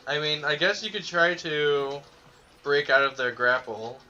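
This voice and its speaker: A man narrating as game master of a tabletop game in a relaxed, chatty way. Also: a little high, unhurried, lo-fi sound. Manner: relaxed, chatty, laughs often.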